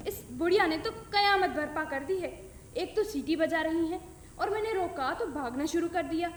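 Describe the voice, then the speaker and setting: A woman voicing a flustered mother scolding loudly, in an echoey room. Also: extremely high pitch, animated, moderate pace, slight background noise. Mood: breathless. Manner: shouting, scolding.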